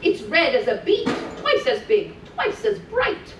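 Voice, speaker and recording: Playing Mrs. Claus for children aboard a cruise ship, a woman reads rhymes from a picture book with an exaggerated, extremely high voice, big pitch swings, and a measured pace. She's cheerful, gentle, and encouraging, with a sing-song delivery and chatty asides, recorded from a distant mic in an echoing room with faint noise.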